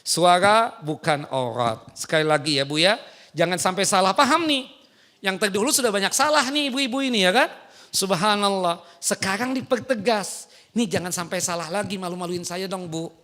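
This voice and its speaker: Male preacher, higher voice, lively and teasing, keeps throwing questions at his listeners. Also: normal speed. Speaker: Islamic preacher. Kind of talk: sermon to women. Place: mosque.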